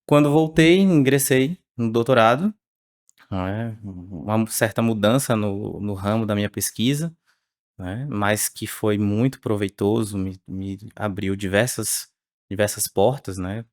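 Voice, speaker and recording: Measured man with low voice. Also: no echo, clean studio sound. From Salvador, Bahia, Brazil. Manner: measured, frequent tag questions. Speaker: researcher guest. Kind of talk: podcast interview.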